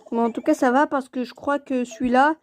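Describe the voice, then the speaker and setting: A woman's voice: high-pitched, fairly even intonation, a little fast. A woman speaking in a slangy, familiar way as a companion in casual gameplay chat. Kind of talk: casual chat during a game.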